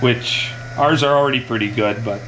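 A man in his thirties who farms dairy talks through things plainly and folksily in a small indoor milk room with tiles and a steel tank. He has a mid-range, fairly bright voice and speaks at a moderate pace. The low-quality recording has slight background noise.

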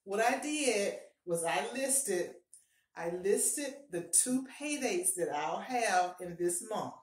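Speaking slowly in a mid-range voice with lively intonation, this middle-aged woman vlogs about personal finance, giving cheerful, encouraging budgeting advice and repeating key points. The casual home video is shot on a fixed camera at close range inside a small, echoey bathroom.

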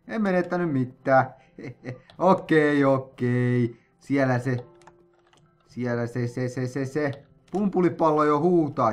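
A man at a desk microphone talking through his own gameplay as he goes. His voice sits at an ordinary middle pitch. He is excitable and jokey, with sudden yelps and playful sing-song noises. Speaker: gamer playing a player-made map. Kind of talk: let's-play commentary.

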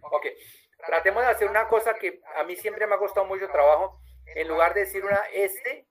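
A man teaches German in an online class over a video call, patiently drawing out each word slowly. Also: sits high, fairly bright tone, low-quality recording.

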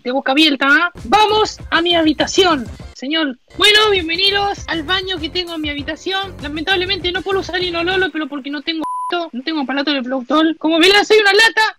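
A woman's voice: very high voice, bright, forceful tone. A woman voicing a boastful, lonely male talking tomato can with an Argentine accent, in a comic house-tour sketch, cheeky and self-pitying. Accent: Argentine Spanish.

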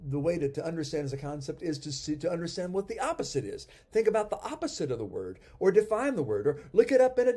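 A man's voice: fairly high pitch, warm tone, slightly rough. A man in his sixties, a pastor giving a teaching sermon with emphatic repetition.

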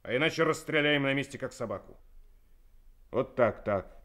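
An actor playing a brisk young male revolutionary commissar in a radio drama, giving peremptory orders. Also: medium pitch, animated, a bit bright, natural voice. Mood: stern, commanding.

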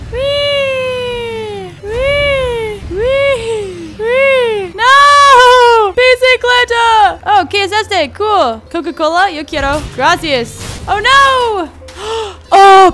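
Woman gamer, high voice, giggly and excitable, faint game music behind. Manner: excitable, giggly, exclaims a lot. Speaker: gaming YouTuber. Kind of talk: casual let's-play commentary.

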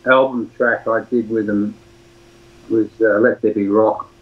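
A man's voice: fairly low pitch, fairly even intonation, unhurried, breathy edge. An older Australian man, a music producer, reminiscing in a rambling phone interview with many restarts. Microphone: phone line. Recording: dull lo-fi phone audio.

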